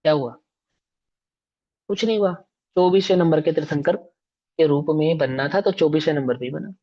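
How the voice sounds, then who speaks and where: A man's voice: a little high, normal speed, mellow. A man giving a religious discourse as a scripture teacher, emphatic and full of rhetorical questions to his listeners. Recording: dull lo-fi recording.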